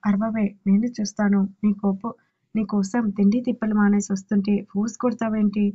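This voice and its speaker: A woman's voice: mid-range voice, level tone, fairly quick, dark tone, dull audio, natural voice. A woman voicing a teasing, persistent young male suitor in an audio story. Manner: teasing, cheeky.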